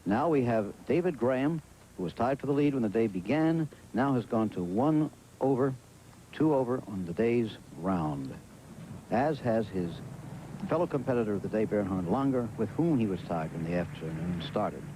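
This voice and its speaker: An American man giving live golf commentary as lead television announcer, in a measured, formal way with pauses. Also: on the low side, expressive, warm tone. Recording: noisy outdoor broadcast, vehicle and ambient sound.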